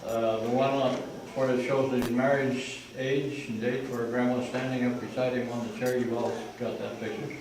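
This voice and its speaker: A man's voice: mid-range voice, flat delivery, normal speed, few pauses. Older man, rambling family history talk, asides and restarts, distant echoey room, background noise.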